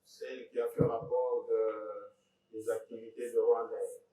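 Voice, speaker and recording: A man, reading out court exhibits as a lawyer, slow and deliberate with pointed remarks. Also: medium pitch, flat delivery, warm tone. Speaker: court lawyer presenting evidence. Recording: echoey courtroom from far off.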